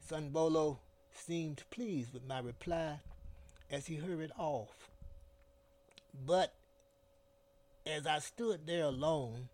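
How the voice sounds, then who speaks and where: A man tells a first-person story in a slow, deliberate way. His voice sits a little high for a man. He takes his time over each line. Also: darkish tone. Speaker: narrator.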